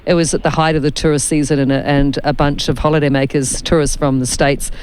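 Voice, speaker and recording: A woman hosting a radio chat, telling chatty personal anecdotes in a relaxed, conversational way. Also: low voice, a little fast, a little hiss or hum. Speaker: radio host.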